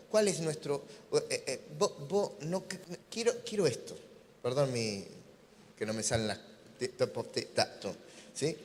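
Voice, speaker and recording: Argentine pastor preaching in a reverberant hall. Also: male voice, on the high side. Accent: Argentine Spanish. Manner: conversational preaching, acting out imagined dialogue with humor. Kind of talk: sermon. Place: church sanctuary.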